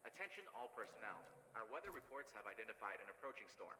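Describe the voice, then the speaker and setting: Park announcer over a loudspeaker. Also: male voice, lowish voice, sing-song, quick pace, roomy sound, big-room sound, full character voice, poor audio. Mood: official. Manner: formal, instructive. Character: male park staff announcer, calm and official. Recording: quiet game audio heard from afar.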